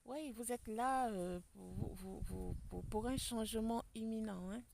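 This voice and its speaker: A woman giving a spiritual tarot reading to her viewers, speaking softly and quietly in a public place. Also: on the high side, unhurried, gravelly, background noise. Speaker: tarot card reader. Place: public place outdoors with people nearby.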